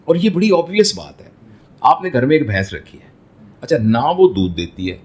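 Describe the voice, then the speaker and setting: A man's voice: mid-range voice, sing-song, darkish tone, husky. A man who is a doctor, answering in an interview in a fatherly way, explaining through everyday examples and rhetorical questions. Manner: fatherly, addresses listener as son.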